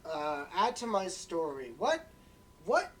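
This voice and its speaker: A woman co-hosting a comedic fan fiction reading, reacting with loud, profane disbelief. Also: fairly low pitch, sing-song, slow pace, husky.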